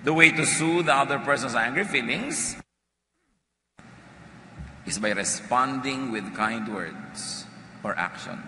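A Filipino pastor preaches emphatically in a mid-range voice, slow and expressive with long pauses, tossing humorous asides to the congregation. The hall is echoey with faint background noise.

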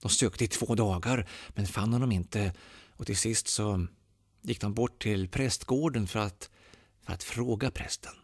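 A man from Sweden telling a ghost story aloud, dramatic with slow, suspenseful pauses. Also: fairly low pitch, no room sound, clean studio sound. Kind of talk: oral ghost story narration.

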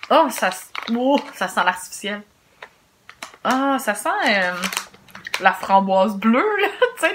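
A woman in her thirties with a Québécois accent, chatting quietly and reacting aloud as she tastes snacks at home. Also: mid-range voice. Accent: Québécois French. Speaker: vlogger. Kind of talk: casual snack tasting vlog. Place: home, indoors. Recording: noisy home video with wrapper crinkling.

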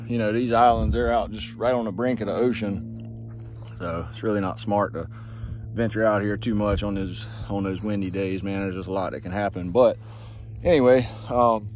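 A man in his thirties, a trapper, talking casually and excitedly to a phone held at arm's length while walking through coastal marsh and beach. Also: fairly low pitch, rough recording. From South Carolina. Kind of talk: casual outdoor vlog. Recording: outdoor wind and ambient noise.

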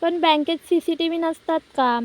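A woman voicing a confident male lawyer who speaks firmly, in her own high voice. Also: fairly even intonation, normal speed. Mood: questioning.

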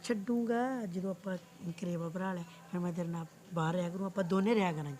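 Male actor as a boastful headman, quick and sweet-talking. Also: high voice, fairly even intonation, darkish tone, a little hiss or hum, close to an everyday voice. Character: flirtatious village headman, boastful. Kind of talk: village comedy drama.

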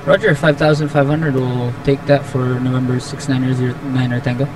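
A man calling air traffic control as a pilot over his cockpit headset radio, halting with frequent fillers as he reads back clearances. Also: mid-range voice. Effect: pilot's radio transmission from the cockpit headset. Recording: distant radio with steady engine noise.

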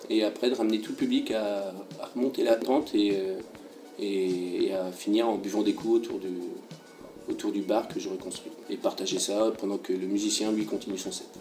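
A man with a lowish, mellow voice talks casually about his performance, halting with fillers. He sounds distant from the mic in a roomy space, with faint music underneath. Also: fairly even intonation. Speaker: performer interviewee. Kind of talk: casual interview.

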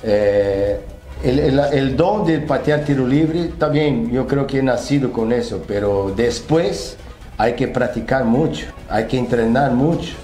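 Relaxed older Brazilian man, mellow voice. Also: mid-range voice, measured pace, roomy sound, faint music behind. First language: Portuguese. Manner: relaxed, hesitant with many fillers. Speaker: football academy director. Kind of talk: casual interview answers. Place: television studio.

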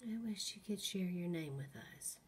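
A woman talking to a ghost in a coaxing, soothing way, asking gentle questions in a slightly husky voice that often drops toward a whisper. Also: lowish voice, normal speed, a little hiss or hum. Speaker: paranormal investigator running a spirit session.

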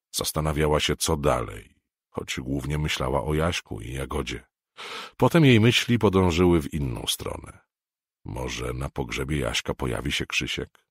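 Very deep-voiced male audiobook narrator. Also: slightly rough, no echo, clean studio sound. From Poland.

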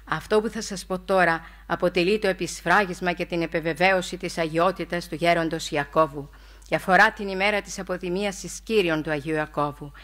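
A woman giving a formal lecture at a church conference, reading in a measured, solemn way. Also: on the low side, steady tone, fairly bright tone.

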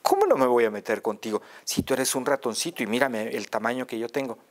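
Man voicing a storybook gruffalo, huge male monster, slow, deep, menacing. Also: lightly acted.

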